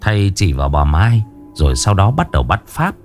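A man narrating a ghost story in a dramatic, expressive way. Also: low-pitched, a little fast, soft background music.

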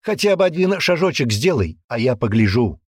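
A man voicing a hot-tempered, brutish young man who rants and yells threats in an audiobook. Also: medium pitch, sing-song, moderate pace, breathy edge, no echo, studio quality, pitched above the performer's own voice. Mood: ranting. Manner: aggressive ranting, yelling threats. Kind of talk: audiobook character voice.

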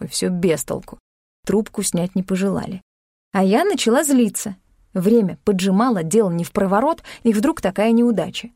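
A woman's voice: mid-range voice, dark tone, no echo. A woman narrating a first-person audiobook in a wry, sardonic way, close to the mic.

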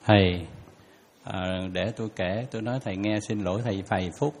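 A monk telling a story casually, hesitating with fillers and small laughs. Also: male voice, fairly low pitch, steady tone, brisk, a little mellow. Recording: hall reverb with faint noise.

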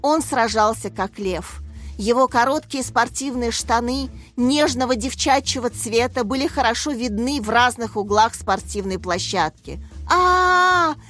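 A woman's voice: fairly high pitch, normal speed. Woman narrating a children's story. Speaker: audiobook narrator.

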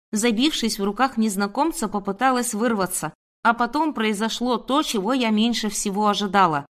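A woman reading a first-person audiobook in a steady, measured manner. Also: on the high side. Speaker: audiobook narrator. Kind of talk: first-person scripted narration.

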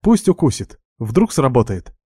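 A man's voice: mid-range voice, very animated, measured pace, a little mellow, husky, dry recording, studio quality, voice pushed up. A man doing an earnest young woman. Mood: pleading. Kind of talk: audiobook character voice.

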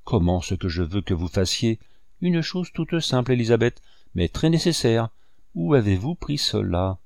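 A man voicing a gentle older male painter who speaks mildly and steadily, with quiet firmness. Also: lowish voice, normal speed, gravelly, no room sound, clean studio sound. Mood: firm. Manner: mild and steady.

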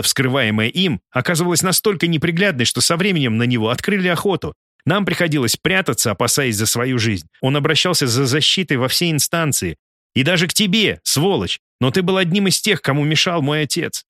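A man's voice: a little high, fairly bright tone, dry recording, studio quality, voice pushed up. A man voicing a vengeful young woman full of hatred in an audiobook, cold and then raging. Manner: cold, then screaming with rage. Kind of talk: audiobook character voice.

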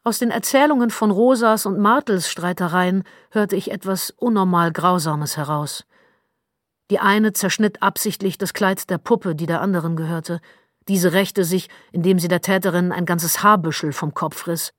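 Female audiobook narrator, lowish voice, measured and wry, dry studio sound. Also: no echo. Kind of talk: scripted narration.

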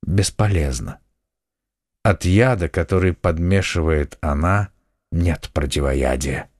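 A grim, brooding musketeer voiced by a man reading an audiobook speaks low and hoarse. His delivery is slow and heavy. The sound is dry and close. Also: dry recording. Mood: grave. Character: grim older male musketeer, brooding and grave. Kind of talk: audiobook character voice.

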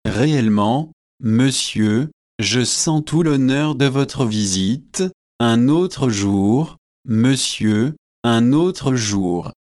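A man's voice: mid-range voice, drawn-out words, a little mellow, no room sound, studio quality. A man voicing a weary young man who is irritated by unwanted visitors and speaks in a formal, impatient way. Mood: curt.

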